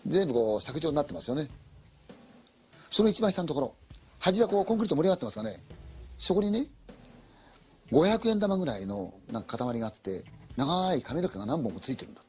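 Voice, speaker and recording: Brief: quick, animated man spinning a spoken ghost story in a chatty, dramatic way. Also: fairly high pitch. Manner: colloquial, conversational, dramatic.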